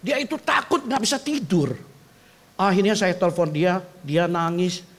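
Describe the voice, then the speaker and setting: An older pastor, preaching in a church with a fairly high voice for a man. He keeps it chatty and asks the congregation direct questions. Then he swells into loud, emphatic bursts. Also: normal speed. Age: 70s. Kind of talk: sermon. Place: church building.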